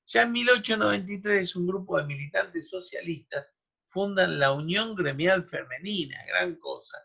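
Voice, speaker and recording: A man's voice: fairly high pitch, vocal fry, pushed and bright, slightly rough. A man giving a university law lecture, explaining history and running through lists of names and dates with asides to his students. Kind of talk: academic lecture. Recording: dull lo-fi recording.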